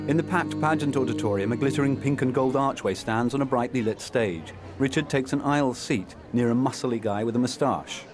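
A man reading scripted audio description of a film in the present tense, in a measured, descriptive way. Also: mid-range voice, music in the background.

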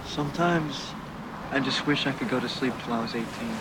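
A man's voice: medium pitch, normal speed, natural voice. An actor playing a disillusioned, sullen teenage boy, speaking bluntly in short phrases in naturalistic film dialogue. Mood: weary, sullen. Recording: noisy outdoor waterside, boats behind.

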